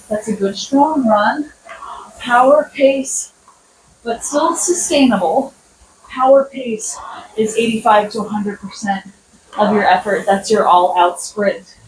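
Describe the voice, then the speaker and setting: An American woman instructing a workout while exercising on a rowing machine, mixing explanations with short, encouraging commands. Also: on the high side. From United States. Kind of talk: coaching a workout with counted cues. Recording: echoey room, distant mic, noisy background.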